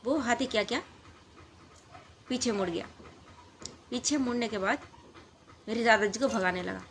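A woman's voice: fairly high pitch, normal speed, a little hiss or hum. A woman telling a true family story in a casual, rambling way, with many fillers and restarts.

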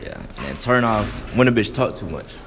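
A teenage boy in a school restroom answering in low-key crude slang. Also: very animated, normal speed. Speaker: interviewee. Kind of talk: casual chat.

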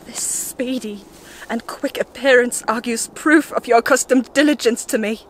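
A woman's voice: a little high, a little hiss or hum, lightly acted, poor audio. A woman playing a desperate young Joan of Arc in a theatrical Shakespeare monologue, pleading with spirits. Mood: imploring summons. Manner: slow, theatrical, swinging between hushed and imploring. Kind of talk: solo Shakespeare monologue, dramatic recitation.

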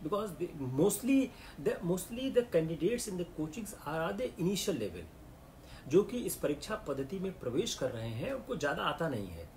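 Lively-voiced Indian man lecturing a class. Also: fairly high pitch, slight background noise. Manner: mixes English into the talk, slow and deliberate in English. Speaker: civil services exam lecturer.

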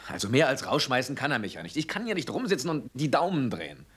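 An earnest young adult son in a dubbed family drama. He speaks with urgency, and his pitch moves a lot. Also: big pitch swings, quick pace, a bit bright, breathy edge. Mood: worried. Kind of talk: TV drama dub.

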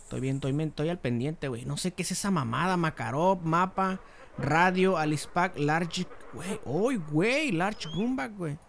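A young man with a Mexican accent giving crude, slang-heavy commentary while playing a game, breaking into sudden shouts. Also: fairly high pitch, normal speed, creaky, slight background noise. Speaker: gamer. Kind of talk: profane gameplay commentary.

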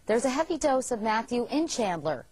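A woman's voice: a little high, very animated, moderate pace, darkish tone, breathy edge, no room sound. A woman narrating a scripted entertainment news feature in a polished, wry tone. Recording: music bed under voice.

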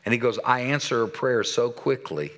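A man in his sixties preaching a sermon in a church, telling a story with animated quoted dialogue and dropping to a soft voice for serious points. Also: medium pitch, moderate pace. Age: 60s. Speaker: pastor. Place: church sanctuary.

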